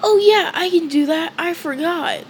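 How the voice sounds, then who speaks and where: A woman voicing a loud, excitable young male hero who yells shrilly. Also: a little slow, slight background noise. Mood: excited. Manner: shrill yelling.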